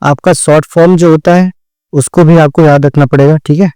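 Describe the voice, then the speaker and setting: A man teaching shorthand step by step, patient and slow, repeating each word and checking that his students understand. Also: on the high side, fairly even intonation, dark tone, smooth, dry recording, studio quality. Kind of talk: step-by-step classroom explanation.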